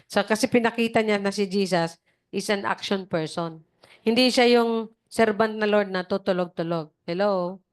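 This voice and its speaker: A woman's voice: mid-range voice, normal speed, clean tone. A woman giving a conversational sermon over a video call, acting out the voices she quotes and checking in with her listeners. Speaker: preacher. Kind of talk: casual sermon.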